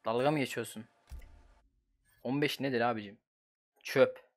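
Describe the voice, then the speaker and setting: A young man with a Turkish accent, giving casual, slangy commentary while playing a fighting game at his computer and reacting loudly to each fight. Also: medium pitch, fairly even intonation, moderate pace. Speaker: gaming channel host.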